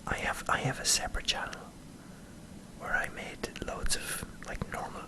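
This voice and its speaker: An Irish man in a hesitant, self-deprecating ASMR ramble, speaking in a breathy whisper close to the microphone. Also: moderate pace, low-quality recording. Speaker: ASMR video creator. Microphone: close microphone in front of a camera.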